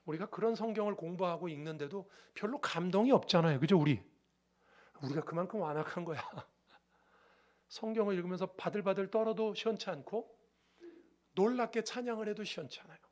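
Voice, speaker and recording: A man's voice: high voice, brisk. A male pastor preaching a sermon emphatically, often asking the congregation rhetorical questions.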